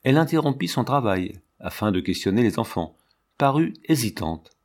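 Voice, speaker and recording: A man narrating a storybook aloud in a measured, even reading voice. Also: medium pitch. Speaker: audiobook reader.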